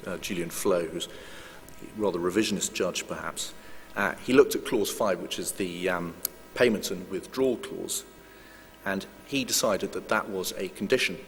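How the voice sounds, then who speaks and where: Deep-voiced man lecturing in a hall. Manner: measured, hedging with frequent "uh" fillers. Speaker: lawyer giving a conference talk. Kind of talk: formal legal presentation. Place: conference hall. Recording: long hall reverb with faint hum.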